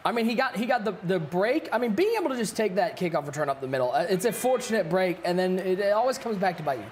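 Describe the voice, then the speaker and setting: A man calling live play-by-play for an esports tournament, energetic and joking as he hypes big plays. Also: high-pitched, fast talker, slight background noise.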